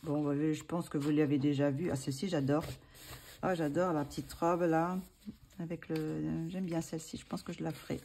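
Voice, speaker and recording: A woman vlogger showing coloring books chats casually in a low, dark voice with flat delivery at a moderate pace, over slight background noise. She's hesitant and thinks aloud, full of fillers.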